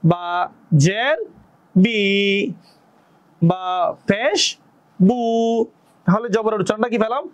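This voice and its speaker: A man teaching Quran reading in a patient lesson, explaining step by step, asking and answering his own questions, and drawing out recited words slowly. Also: high voice, expressive, muffled recording.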